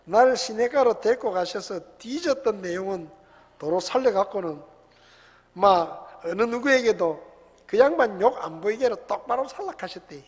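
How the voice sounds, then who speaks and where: A man putting on a Gyeongsang dialect to voice a boisterous, rough-spoken countryman reciting a psalm loudly and folksily. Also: high-pitched, expressive, normal speed. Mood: hearty, boastful. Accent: Gyeongsang dialect, put on. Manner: loud, hearty, rustic folksy delivery. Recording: long church hall reverb.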